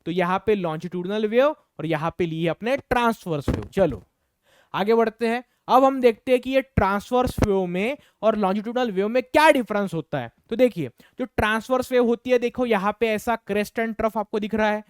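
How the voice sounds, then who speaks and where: Male physics teacher, high smooth voice, repeats key points, counts rhythms aloud. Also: lively intonation, normal speed, dry recording. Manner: asks and answers his own questions, repeats key points. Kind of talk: online classroom lesson.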